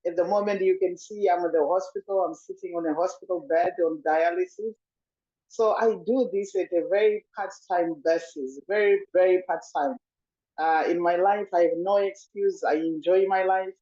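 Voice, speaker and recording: A man's voice: high voice, steady tone, moderate pace, dark tone, muffled recording. A man speaking from a hospital bed over a video call, upbeat and casual. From Zimbabwe. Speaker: business owner sharing a testimonial.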